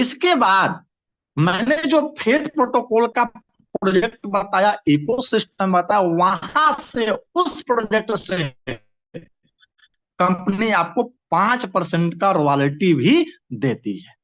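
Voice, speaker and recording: A man's voice: sits high, very animated, slow pace, a bit bright. A man presenting and explaining a business plan to his audience, steadily, with frequent restarts and repeated words. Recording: dull lo-fi recording.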